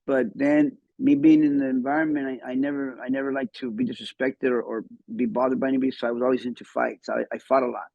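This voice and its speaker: A man's voice: mid-range voice, little pitch movement, vocal fry, darkish tone, no room sound, highs cut off. A man in his fifties who grew up in Mexico, telling his life story as a podcast guest in a casual, repetitive way. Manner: fast, repeats words as he talks.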